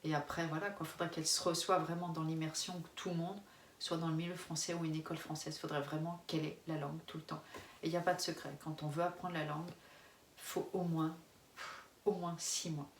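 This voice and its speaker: In this casual to-camera chat, an expat family vlogger from France, a woman in her forties, talks a little fast with little pitch movement in a low-ish voice. She's frank and rambling, with many restarts and frequent laughs, and the distant mic picks up room echo and a faint hum.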